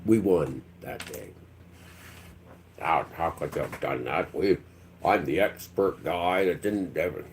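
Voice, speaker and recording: A man's voice: low voice, slow pace, a little hiss or hum. A man hosting a live stream, rambling in a loose monologue and acting out quotes in mock voices. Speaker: livestream host.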